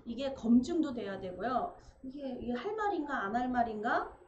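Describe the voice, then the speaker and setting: A woman pastor preaching a sermon in an animated way, acting out quoted conversations. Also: a little high, normal speed. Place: church sanctuary. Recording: echoey church room, dull sound, faint noise.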